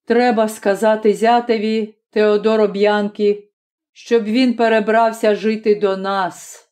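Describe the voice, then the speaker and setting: A woman voicing a stern, grim middle-aged Corsican father who speaks slowly and commandingly in a storybook reading. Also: mid-range voice, flat delivery, a little mellow, lightly acted. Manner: slow, hard and commanding.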